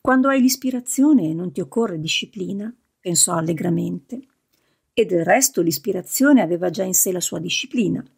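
Gravelly-voiced woman reading an audiobook. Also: lowish voice, expressive, moderate pace, a little mellow. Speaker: audiobook reader. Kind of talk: scripted narration.

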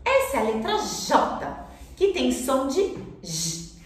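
A woman teaching children the alphabet, with warm encouragement and drawn-out tracing cues. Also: high-pitched, wildly swooping pitch. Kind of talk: slow, sing-song children's lesson. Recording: echoey room, voice from a distance.

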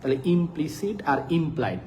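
A man's voice: on the high side, big pitch swings, fairly quick, warm tone, a little hiss or hum. A man teaching vocabulary in a live online lesson, repeating words and their meanings over and over and asking his students check questions. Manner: repetitive drilling of words and meanings.

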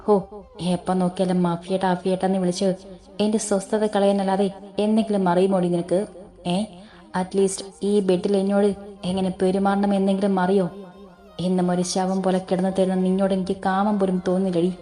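A woman's voice: mid-range voice, little pitch movement, brisk, dark tone, natural voice. A woman voicing an angry young husband who talks down to his wife with harsh scorn. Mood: scornful.

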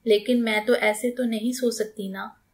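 A woman's voice: fairly high pitch, steady tone, a little slow. Woman reading a flustered young bride.

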